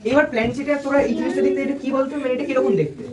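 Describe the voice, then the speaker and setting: This young man's voice is very high and rapid-fire, with crowd noise in the background. He's a student giving a relaxed, joking presentation to a small group of friends indoors, quizzing them as he goes, captured on a distant mic with light room noise.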